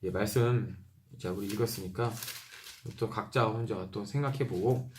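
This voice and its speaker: A man reading Bible passages aloud slowly, repeating verses and stopping to explain them in a casual way. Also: on the low side, a little hiss or hum. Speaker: Bible reader. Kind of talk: reading scripture aloud with commentary.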